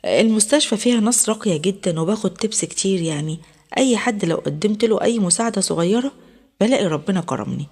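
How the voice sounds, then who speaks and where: A woman's voice: medium pitch, animated, fast talker, a little mellow, slightly rough. A woman with an Egyptian accent telling a first-person story in a chatty, conversational way. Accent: Egyptian Arabic.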